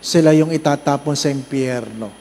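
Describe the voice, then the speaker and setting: A man, a priest giving a recollection sermon, who tells humorous stories, asks the congregation rhetorical questions and slowly lists the works of mercy. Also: mid-range voice, warm tone, big-room sound. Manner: slow emphatic listing of works of mercy.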